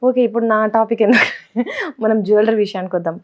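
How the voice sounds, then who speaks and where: Speaking fast in a mid-range voice, this young vlogger has a Telangana Telugu accent and keeps her casual chat playful while mixing in English. The recording has a dull, lo-fi quality.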